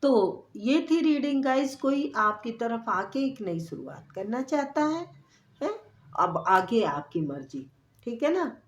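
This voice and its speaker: Slow-talking woman giving a tarot reading. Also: on the high side, very animated. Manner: warm, repetitive, chatty explaining, addresses viewer directly. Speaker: tarot reader. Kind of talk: tarot reading addressed to viewers. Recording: echoey room.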